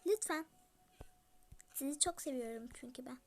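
A woman's voice: sits high, moderate pace, a little hiss or hum. A female YouTuber giving chatty game commentary, talking straight to her viewers and slipping into whispered asides. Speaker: gaming YouTuber.

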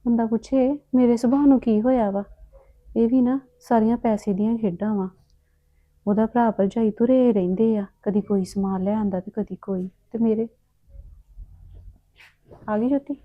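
A woman's voice: on the high side, fairly even intonation, moderate pace, long pauses, narrow, tinny audio. A woman playing an older sister who feels neglected, sulky and aggrieved. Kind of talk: village drama acting.

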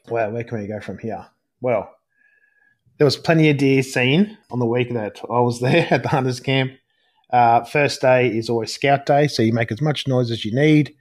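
A man speaks as a guest on a podcast, relaxed and friendly with an eager streak. His voice sits in a middle pitch, and his tone is plain and conversational. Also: moderate pace. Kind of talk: casual chat.

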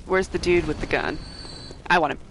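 A woman streaming a video game, chatting casually with her viewers and a co-op partner, bubbly and quick to laugh and joke. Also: sits low, noisy background. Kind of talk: casual live-stream chat.

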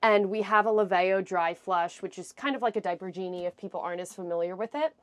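A young American woman talks fast at a medium pitch, giving a chatty, explanatory walkthrough of a small camper van. She speaks casually into a clip-on lapel mic, and there's no echo.

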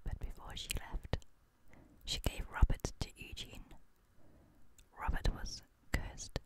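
A young woman narrates a spooky tale as ASMR. Her voice stays in a hushed, breathy whisper, spoken closely into a studio microphone. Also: slow. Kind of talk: whispered ASMR reading of a creepy story.

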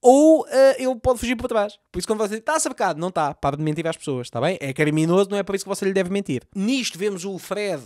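A Portuguese man with a Lisbon accent, a comedian recapping a TV series with crude, sarcastic and animated commentary, acting out the characters. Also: sits high, fast, hardly any pauses, no room sound, clean studio sound. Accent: European Portuguese, Lisbon. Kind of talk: comic commentary.

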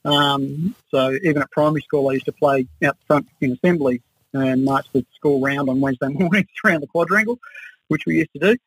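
A man in his sixties from Adelaide, Australia, a musician and researcher, reminisces casually as an interview guest. His voice is a little high, slightly rough, and a bit fast, captured in a rough recording with no echo.

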